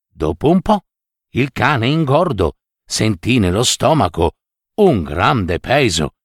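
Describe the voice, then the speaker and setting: A man reading fables aloud as a storyteller, expressive and lingering. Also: mid-range voice, no echo, studio quality.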